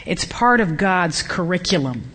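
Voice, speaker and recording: A middle-aged woman teaching from the Bible to a women's gathering, earnest and climbing high and emphatic when she stresses a point, acting out the voices of children and parents. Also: expressive, a little slow, a bit bright, breathy edge. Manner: acts out quoted children and parents.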